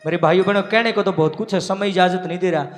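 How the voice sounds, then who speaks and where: A man's voice: high-pitched, fast talker, faint music behind. A man with a Haryanvi accent telling a devotional folk story and preaching emphatically to an audience. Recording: long reverb in a large hall.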